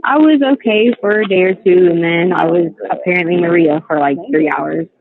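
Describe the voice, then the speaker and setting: An incarcerated woman chats casually and briskly over a jail phone or tablet from her housing unit, rambling through her day. Her voice is fairly low, and crowd noise surrounds her on the tinny prison line.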